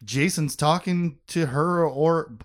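Male podcast host, lively and jokey, slightly high-pitched, swears freely. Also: slow. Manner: animated, joking, laughs often, swears. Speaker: podcast host recapping a book. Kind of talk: casual chat.

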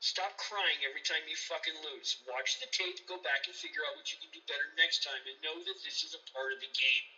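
A man's voice: a little high, a little fast, hardly any pauses, bright, forceful tone, distant mic, lo-fi sound. A man co-hosting a podcast, delivering an emphatic, profane, preachy rant about sports. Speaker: podcast co-host.

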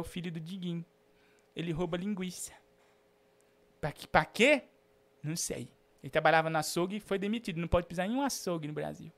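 A man with a high voice hosts a comedic live stream, joking with callers. He swings between murmured asides and theatrical shouting.

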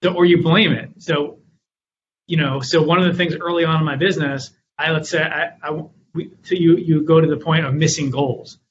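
Man, slightly high voice, muffled lo-fi sound, business storyteller. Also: fairly even intonation, moderate pace, slight background noise. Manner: storytelling, acts out his own past lines with rising energy. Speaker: guest, company founder and author. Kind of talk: interview answers.

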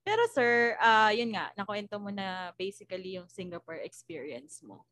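A woman's voice: medium pitch, expressive, normal speed, a bit bright, dry recording. A woman from the Philippines hosting a casual interview, who asks long questions politely and laughs often. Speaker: interviewer host.

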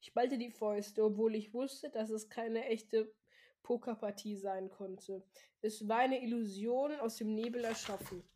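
A woman's voice: fairly high pitch, fairly even intonation, a little slow, mellow. German woman stumbling through a read-aloud. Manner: stumbling over words, restarts, chatty asides. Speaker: reader of a book aloud. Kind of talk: casual read-aloud with asides.

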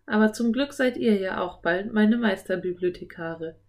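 A mysterious but friendly sorceress from a storybook, calm and measured as she speaks to the children. A woman narrator puts her on, close to her own voice. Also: mid-range voice, close to an everyday voice.

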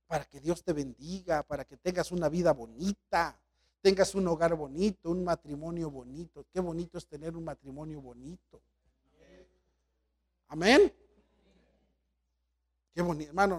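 High-voiced animated male preacher. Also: measured pace, pauses often. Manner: animated preaching, swings from loud exhortation to quiet asides, acts out quoted voices. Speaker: pastor. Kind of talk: sermon.

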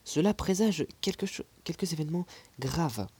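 A man's voice: lively intonation, normal speed, dark tone, breathy edge. A man voicing a fretful old female housekeeper in a storybook reading, speaking in a raised, fussing voice. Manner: raised falsetto-like pitch, fussing. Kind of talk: audiobook character voice.

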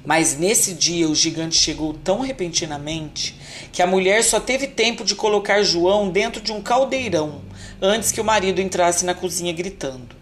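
A woman reading a children's fairy tale aloud in an expressive, unhurried storytelling manner. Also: on the low side, slight background noise.

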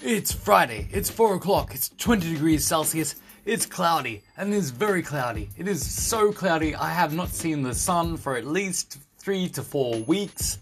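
A man's voice: a little high, animated, a little slow, hardly any pauses. Jokey, rambling male podcast host over music. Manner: jokey, rambling, repeats phrases for emphasis. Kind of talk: casual solo podcast chat. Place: indoor room in Tokyo.

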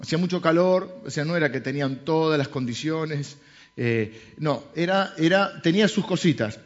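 A man's voice: on the high side, normal speed. A man with a Rioplatense Spanish accent preaching a sermon as a pastor, joking and conversational, full of rhetorical questions. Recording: slightly dull lo-fi sound.

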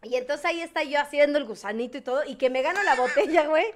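Brief: young Mexican woman, high voice, slangy storyteller who laughs often and acts out quotes. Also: racing, a loud crowd. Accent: Mexican Spanish. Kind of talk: casual storytelling chat.

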